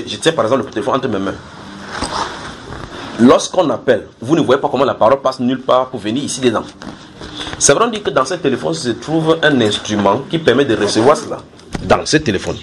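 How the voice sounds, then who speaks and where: Fast-talking male preacher teaching a group. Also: mid-range voice, slight background noise. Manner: explanatory, repeats key phrases, builds everyday analogies; asks listeners questions and draws call-and-response. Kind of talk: sermon-style Bible teaching to a group.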